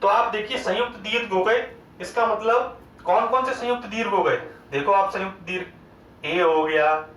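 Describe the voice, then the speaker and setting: A man with a Hindi accent teaching an exam-prep grammar lecture, asking questions and answering them himself, stretching sounds out slowly. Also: high-pitched, a bit bright, reverberant, distant mic, rough recording.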